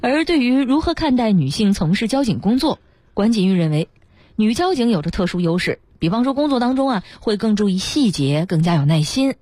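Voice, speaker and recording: A woman's voice: mid-range voice, very animated, warm tone, no echo. A female radio co-host, retelling a news item and chatting with her partner in a studio. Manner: brisk backchannels, reads news items smoothly.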